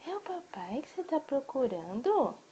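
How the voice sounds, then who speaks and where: A woman's voice: high voice, very animated, moderate pace, dark tone. A woman talking baby talk to her pet at home, coaxing and drawing out her words in a sing-song way. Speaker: pet owner. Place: indoors at home, by a door. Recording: dull lo-fi home video.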